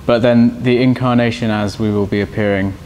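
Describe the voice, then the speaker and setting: A young man, a band guitarist, giving halting interview answers with many restarts. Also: medium pitch, steady tone, a little mellow, lo-fi sound. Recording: faint background noise.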